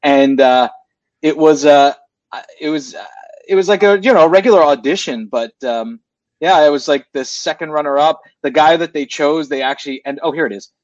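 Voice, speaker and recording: A man's voice: fairly high pitch, moderate pace, no echo, dull audio. A man co-hosting a talk radio show, telling a rambling story in casual chat and correcting himself as he goes.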